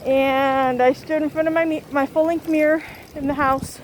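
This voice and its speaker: A woman chatting casually and haltingly to her vlog viewers, outdoors in strong wind. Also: high voice, steady tone, poor audio. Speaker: vlogger. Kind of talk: casual rambling vlog chat. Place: outdoors in windy weather. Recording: loud wind noise, outdoors.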